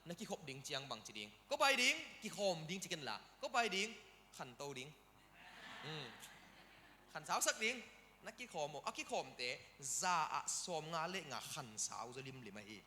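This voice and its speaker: A man preaching with a high, very lively voice that rises and falls constantly. His tone is sharp and bright, and a long hall reverb with faint room noise trails each phrase. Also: moderate pace. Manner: animated preaching with frequent hallelujahs. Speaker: pastor. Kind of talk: sermon.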